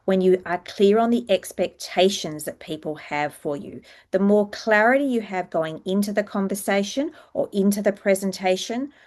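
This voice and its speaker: A woman working as a public speaking coach, giving a structured, instructive presentation with clear explanations. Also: medium pitch, darkish tone.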